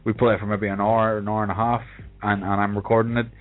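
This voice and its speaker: A man's voice: on the low side, level tone, fast. Tinny-sounding man with an Irish accent. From England. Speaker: gaming podcast co-host. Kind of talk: casual chat, swearing freely. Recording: tinny phone-like voice call, music behind.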